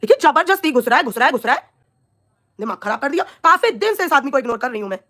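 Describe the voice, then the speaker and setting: A woman's voice: high voice, big pitch swings, fast, bright, forceful tone. A woman with a scratchy, coughing throat ranting on a live stream, scolding and insulting a rival in a heated voice. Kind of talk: angry live-stream rant at viewers.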